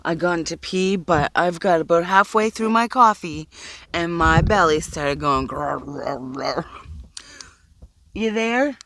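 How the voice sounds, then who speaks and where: A woman's voice: fairly low pitch, unhurried, fairly bright tone, slight background noise. A sleep-deprived woman vlogging from inside a car, giggly and rambling as she talks to herself. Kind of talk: casual vlog talk.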